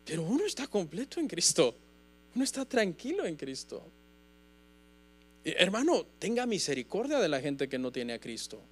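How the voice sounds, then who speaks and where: A man's voice: sits high, huge pitch swings, moderate pace. A man preaching a sermon as pastor of a church congregation, earnest and emphatic, often calling his listeners "brother".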